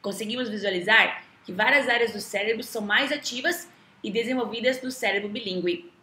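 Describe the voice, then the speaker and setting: A woman's voice: on the high side, brisk, noisy background. A Brazilian woman, an English teacher, talking casually to the camera in a chatty way with a Brazilian Portuguese accent, often tagging her sentences with a questioning aside. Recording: roomy echo.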